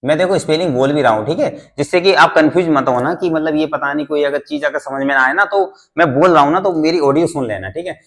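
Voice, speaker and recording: Talking fast with few pauses, a man with a slightly high voice runs a Hindi-language class on English vocabulary, saying each word repeatedly, spelling it letter by letter and testing his students.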